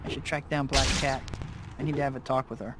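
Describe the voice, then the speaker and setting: A man's voice: medium pitch, steady tone, quick pace, natural voice. A man playing an earnest, self-questioning young superhero in a video game cutscene. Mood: conflicted, pondering. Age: young adult. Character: earnest young male superhero torn between two lives. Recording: game music behind the voice.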